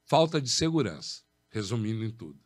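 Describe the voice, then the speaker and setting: A man's voice: fairly low pitch, sing-song, a little fast, dry recording. A man hosting a podcast, giving an instructive talk on public speaking, emphatic and repetitive, asking questions and answering them himself. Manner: emphatic, repeats key words, asks and answers his own questions. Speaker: podcast host.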